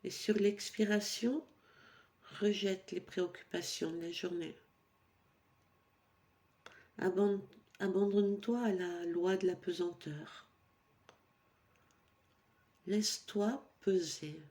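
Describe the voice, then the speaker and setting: A woman with a mid-range voice guides a yoga nidra meditation for sleep, speaking as an instructor in a calm, soothing way with pauses between instructions.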